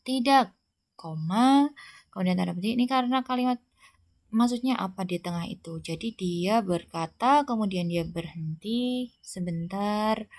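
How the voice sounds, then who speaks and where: A woman's voice: medium pitch, moderate pace, dry recording. Woman teacher explaining patiently. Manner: patient, explains step by step with frequent "ya" and "jadi". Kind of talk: classroom lesson.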